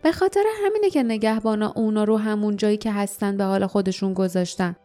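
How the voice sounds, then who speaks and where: A woman's voice: medium pitch, dark tone, faint music behind, close to an everyday voice. A woman voicing an earnest, worried young male hero in a storybook reading, reasoning urgently.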